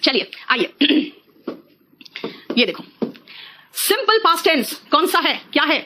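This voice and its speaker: A middle-aged woman teaching an exam-prep English lesson, calling her students "beta" and slowing down to spell out example sentences. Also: high voice, very animated, bright, forceful tone, slight background noise. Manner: addresses students as beta, mixes Hindi and English.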